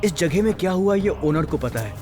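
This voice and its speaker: A man's voice: high-pitched, expressive, fairly quick, a little mellow. A man dubbing a determined young investigator who speaks firmly and plainly. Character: determined young male investigator, calm and firm. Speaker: lead, tenant. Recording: film dub with music underneath.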